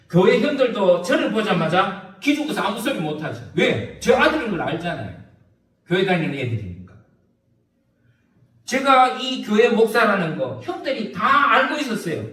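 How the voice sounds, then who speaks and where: A male pastor preaching a sermon, his high voice rising and falling as he tells a story. He keeps asking rhetorical questions of the congregation. The sound is echoey, recorded from a distance in a church hall. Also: fairly bright tone.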